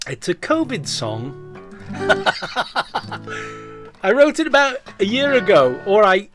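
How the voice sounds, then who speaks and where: Slow-talking folk singer. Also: mid-range voice, fairly bright tone, no echo. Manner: rambling, self-mocking, stumbling restarts. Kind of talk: chatty song introduction. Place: at home during lockdown. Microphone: online session.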